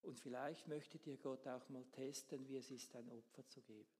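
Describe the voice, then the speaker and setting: A man's voice: medium pitch, fairly even intonation, normal speed, a little mellow, breathy edge, long reverb tail. A man preaching a sermon as pastor, earnest, repeating key phrases for emphasis.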